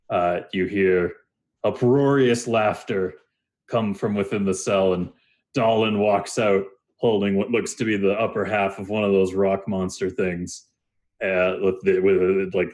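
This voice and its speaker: Young guy running a tabletop game, lowish voice, lots of uh and like. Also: steady tone, unhurried, darkish tone. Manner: rambling, lots of uh and like. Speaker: game master.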